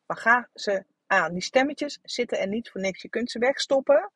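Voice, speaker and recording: A woman's voice: fairly high pitch, animated, normal speed, breathy edge, dry recording. A woman in her thirties hosting a solo podcast, talking frankly and coaching her listeners, swearing casually, with many fillers and restarts. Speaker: podcast host. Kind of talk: candid solo podcast monologue.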